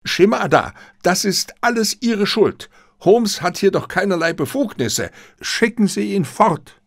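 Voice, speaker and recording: A man voicing a hot-tempered, cornered male diplomat who shouts frantically, in an audiobook. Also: high voice, expressive, moderate pace, gravelly, slightly rough, voice pushed up, heavily acted. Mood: furious.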